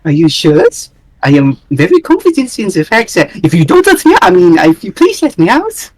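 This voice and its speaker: A jittery gnome doctor, played by a tabletop player, stammering through polite, fawning pleas. The pitch swings widely from line to line. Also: wildly swooping pitch, brisk, no room sound. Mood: pleading.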